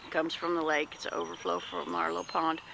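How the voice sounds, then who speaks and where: A folksy Southern US woman with a heavily creaky, gravelly voice on the lower side for a woman. She rambles in plain-spoken, homespun show-and-tell fashion. The recording is outdoors, with loud background noise and birds. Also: level tone, fast talker. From the American Deep South. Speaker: homesteader vlogger. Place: outdoors in a rural yard.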